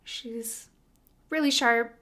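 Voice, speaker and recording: Speaking extremely slowly, this playful American co-host in her thirties has a somewhat high voice that sounds pushed and bright. The podcast talk is casual and chatty, full of laughter and the occasional burst of singing.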